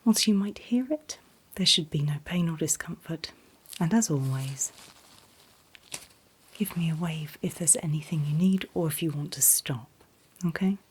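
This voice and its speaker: A woman doing a whispered role-play as a calm dentist, speaking in a breathy whisper with gentle, reassuring, unhurried instructions. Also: low voice, slight background noise. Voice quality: breathy, mostly unvoiced whisper. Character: calm, attentive dentist soothing a patient. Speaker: ASMR performer playing a dentist.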